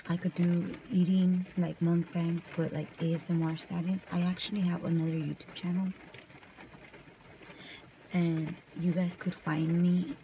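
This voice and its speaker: Young woman, relaxed rambling ASMR talk, mellow low voice, close mic in a car. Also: a little slow, slight background noise, rough recording. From California. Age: young adult. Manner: softly spoken, rambling and casual while brushing her hair. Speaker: vlogger. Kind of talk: soft-spoken ASMR chat. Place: parked car at night, rain outside. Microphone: camera close up.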